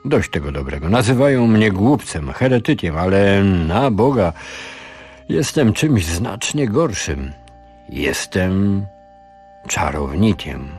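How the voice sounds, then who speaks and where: A man's voice: sits low, sing-song, slow pace, darkish tone, breathy edge, soft background music, voice pushed up, full character voice. A man voicing a proud, gloomy medieval French alchemist who speaks in a declaiming, theatrical way.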